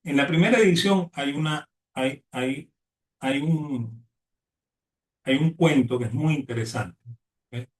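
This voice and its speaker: A man's voice: fairly high pitch, a little slow, pauses often, recorded from a distance. A man giving a university economics lecture, ending nearly every phrase with "¿ok?" and often restarting his words. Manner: constant "¿ok?" tag, restarts words. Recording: echoey room, voice away from mic.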